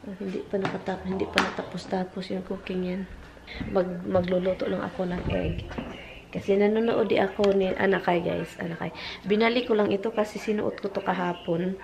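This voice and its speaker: A woman's voice: lowish voice, gravelly. A Filipino woman with a Visayan accent, chatting casually to her viewers in a home vlog. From Philippines. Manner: chatty, mixes English and Filipino freely. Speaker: vlogger. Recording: noticeable background noise.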